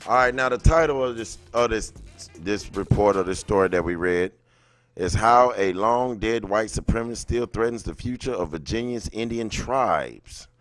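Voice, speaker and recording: Music runs underneath as this livestream host chats casually and welcomes viewers, wandering from thought to thought and repeating himself a lot. He speaks at normal speed in a fairly low, slightly bright voice, and the recording is dry.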